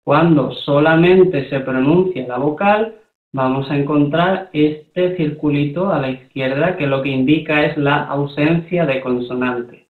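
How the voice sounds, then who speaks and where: A man's voice: on the high side, unhurried. A man teaching a language lesson, explaining things step by step and often checking that his students follow. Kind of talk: slow, patient classroom explanation. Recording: echoey room over a thin phone-like line.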